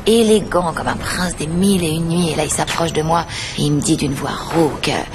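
A woman's voice: low voice, brisk, natural voice. A woman playing a bragging gossipy teacher. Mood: boastful. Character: boastful woman teacher bragging about a date. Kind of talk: sitcom sketch acting. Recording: noisy background.

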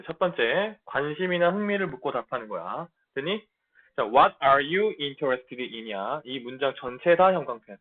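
A man teaching a middle school English lesson to his students, talking in blunt, casual banter and checking in often to make sure they follow. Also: medium pitch. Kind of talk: online lecture. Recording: tinny phone-like sound.

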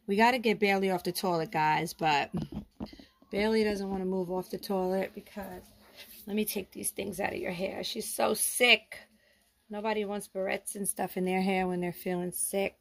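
A woman narrating a doll role-play vlog, fussing and soothing as she talks to her viewers. Her voice sits in a middle range with a lot of vocal fry. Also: mid-range voice. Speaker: doll vlogger.

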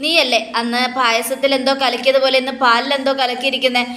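A suspicious young woman, sharp and accusing, read out by a woman recapping a serial. Her voice is high, with a roomy echo around it. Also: flat delivery, fast talker.

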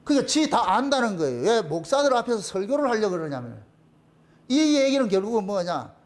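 High-pitched man preaching animatedly. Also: brisk. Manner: animated, acts out quoted voices, asks the congregation rhetorical questions. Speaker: pastor. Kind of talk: sermon.

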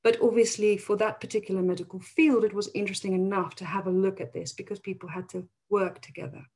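A woman's voice: mid-range voice, fairly even intonation, fast talker, darkish tone, slightly rough, low-quality recording. A woman from the Netherlands with a Dutch accent, giving a thoughtful webinar presentation with frequent fillers over a video call. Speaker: academic presenter.

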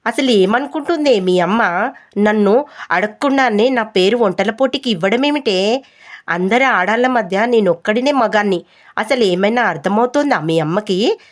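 A woman's voice: medium pitch, expressive, moderate pace, natural voice. A woman voicing an exasperated middle-aged husband who grumbles about his in-laws in a storybook tale. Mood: indignant. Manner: grumbling, protesting.

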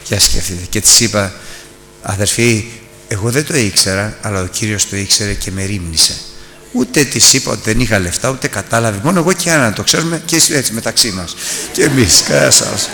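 A man preaching and teaching a Bible lesson. He tells stories and slows down and rises for emphasis. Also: fairly low pitch, bright, forceful tone. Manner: storytelling, slowing down and rising for emphasis. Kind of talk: sermon. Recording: reverberant hall with faint hum.

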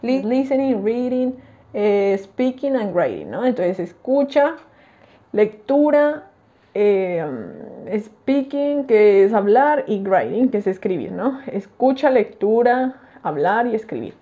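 A woman's voice: fairly high pitch, animated, takes it slowly, mellow, dull audio. A young woman casually talking through her language study notes, often checking in with listeners. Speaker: language-learning vlogger.

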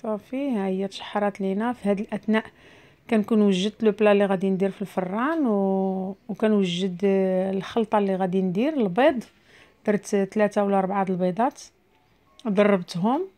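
In a home cooking voice-over, a middle-aged woman with a Moroccan Arabic accent chats her way through every step as she cooks. She's a cooking vlogger who talks fast, with a warm, medium-pitched voice.

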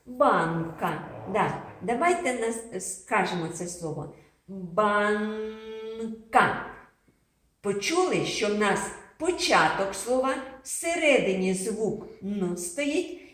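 A woman teaching young children a phonics lesson, slowly sounding out syllables and repeating words for them to copy. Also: mid-range voice. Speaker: preschool teacher. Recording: echoey room.

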